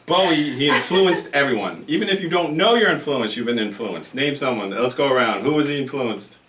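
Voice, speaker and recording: A man hosts a loose, joking talk show from a room in a house, rambling between bits and laughing at his own jokes. His voice is bright and forceful. It sits back from the mic in an echoey room with a faint hiss underneath. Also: medium pitch, a little fast, recorded from a distance.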